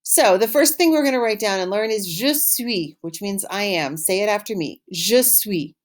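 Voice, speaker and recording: A French teacher runs a call-and-repeat language lesson, carefully enunciating phrases for her learners to echo back. Her medium-pitched voice is animated, her pace moderate, and her manner both encouraging and instructive.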